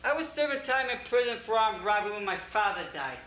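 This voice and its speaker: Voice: mid-range voice, expressive, fast talker, pushed and bright, slight background noise. An actor playing a phony butler revealed as an ex-con, confessing bitterly in an amateur stage comedy-mystery. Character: fake English butler, secretly a Queens ex-con. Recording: echoey stage from far off.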